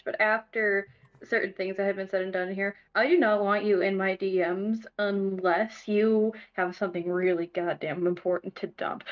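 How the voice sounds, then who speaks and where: A woman on a group voice call speaks curtly and firmly. Her voice sits at a middle pitch and her audio is muffled and dull. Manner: curt, firm.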